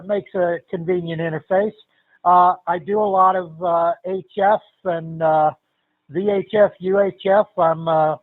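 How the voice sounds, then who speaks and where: An older man checks in to an amateur radio net, and he comes through a tinny narrow-band radio transmission. His voice is high for a man, and the sound is dry and thin. He talks in a relaxed, rambling way. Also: dry recording.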